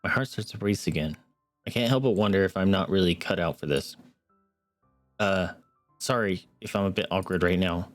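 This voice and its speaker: Young guy streamer with a low voice reading a visual novel out loud, joking asides, dry mic. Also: normal speed, long pauses, dry recording, soft background music. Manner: earnest reading with wry asides.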